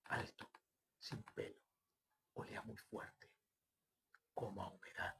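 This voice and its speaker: A man voicing a distraught, grieving mother who answers haltingly and blames herself. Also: lowish voice, little pitch movement, gravelly, fairly bright tone, husky, full character voice. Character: distraught mother, middle-aged woman, grieving and self-reproaching.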